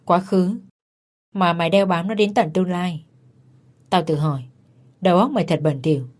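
A man's voice: sits high, moderate pace, darkish tone, natural voice. A woman voicing a jealous young husband who berates his wife with contempt and accusations. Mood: furious.

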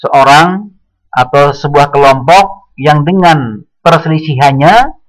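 A man giving a religious study lecture, speaking in a measured way and quoting Arabic passages. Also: on the high side, low-quality recording. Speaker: Islamic teacher.

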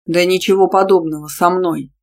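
A woman's voice: steady tone, moderate pace, darkish tone, close to an everyday voice. A woman voicing a possessive, domineering young male gym teacher who speaks curtly and with menace. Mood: stern. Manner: curt, low and threatening.

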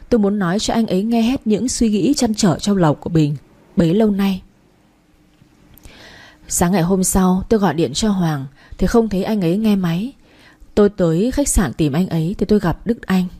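A woman reading a first-person love story aloud, soft, steady and earnest. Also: mid-range voice.

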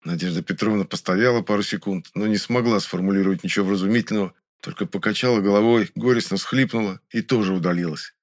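A man reading a first-person audiobook in an even, matter-of-fact storytelling manner. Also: lowish voice, quick pace, hardly any pauses. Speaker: audiobook narrator.

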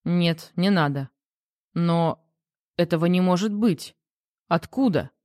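A woman's voice: on the low side, takes it slowly, darkish tone, no echo, studio quality. A woman voicing a rattled, curt grown man. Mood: confused. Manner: curt, defensive replies. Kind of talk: audiobook reading.

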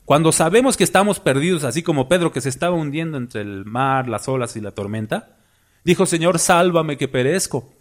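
A man's voice: on the high side, lively intonation, a little fast. A man preaching a sermon, emphatic and full of rhetorical questions to the congregation.

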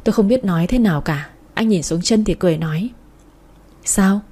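Woman, story narrator, husky mellow voice, intimate delivery. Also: on the low side, lively intonation, fast. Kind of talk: first-person story reading.

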